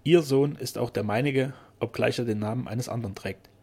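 A proud old duke in a storybook, effusive and cheerful, as a male reader plays him. The voice is gravelly and very husky. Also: medium pitch, a little fast, a little mellow. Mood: joyful. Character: older duke, proud and joyful father.

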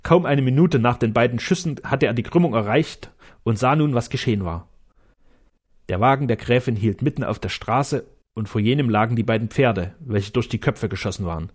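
A man reads a classic adventure story aloud, steady and measured. His voice sits in an ordinary middle register, unhurried as he carries the action along. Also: medium pitch. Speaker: audiobook narrator. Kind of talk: scripted narration.

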